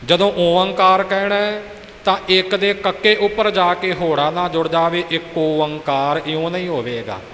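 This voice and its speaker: A man with a Punjabi accent giving a patient pronunciation lesson, drawing out each word slowly to demonstrate it. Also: sits high, a bit bright. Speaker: Gurbani pronunciation teacher. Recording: echoey hall with faint hiss.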